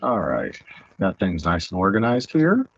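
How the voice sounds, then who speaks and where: A man with a Southern accent chatting casually while streaming, rambling and halting with lots of fillers, on a headset mic. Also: deep voice, huge pitch swings, creaky, slightly rough, muffled recording. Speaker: streamer building Lego. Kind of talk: casual live-stream chat.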